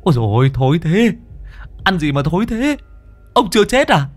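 A man's voice: big pitch swings, fairly quick, soft background music. A man voicing a panicky young male small-time thug who sobs and wails for his fallen brother. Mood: startled. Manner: sobbing, shrill wailing.

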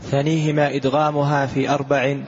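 A man recites lines of verse for his teacher in a higher, very flat chant, each line held level. He sounds set back from the mic on a dull, lo-fi recording with faint hiss. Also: quick pace. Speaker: student reciting the poem.

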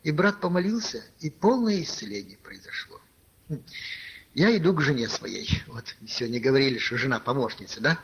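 Husky-voiced man preaching on lo-fi tape. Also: medium pitch, lively intonation, brisk, a bit bright. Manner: folksy, addresses listeners as brothers, many filler "ну". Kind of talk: conversational sermon with a personal story. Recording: lo-fi archival tape recording.

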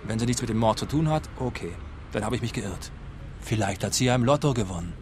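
An actor playing an earnest, insistent and suspicious informant in a radio crime drama. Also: male voice, lowish voice, lively intonation, quick pace, darkish tone, natural voice. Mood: suspicious, irritated. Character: earnest, suspicious male informant, easily irritated. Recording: outdoor street traffic noise. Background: outdoor urban ambience with vehicles.

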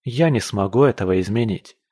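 A man reading an audiobook, voicing a cautious young man who speaks in a calm, measured, wry way. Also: lowish voice, slightly rough, dry recording, clean studio sound. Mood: sober. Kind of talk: audiobook character voice.

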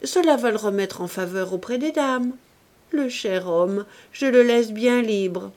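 A woman's voice: fairly high pitch, lively intonation, moderate pace, a little mellow, voice pushed up, lightly acted. A woman reading aloud voices a restless young society woman, weary and petulant in manner. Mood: dismissive.

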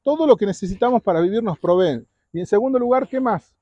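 Man, youth retreat speaker, high pitch, mellow tone, quizzes the audience, dull lo-fi recording. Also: animated, fast talker, no room sound. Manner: keeps asking the audience questions, tags lines with "¿sí?". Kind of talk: Bible talk to preteens.

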